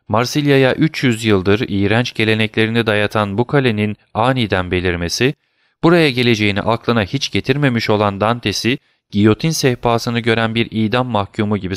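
A man narrating a classic novel as a steady, measured audiobook reader. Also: lowish voice, dry recording, studio quality.

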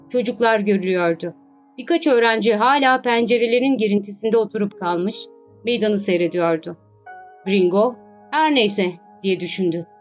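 A woman reads a novel aloud with calm, measured storytelling. Her voice sits at a middle pitch. The recording sounds slightly dull, with faint music behind her. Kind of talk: scripted audiobook narration.

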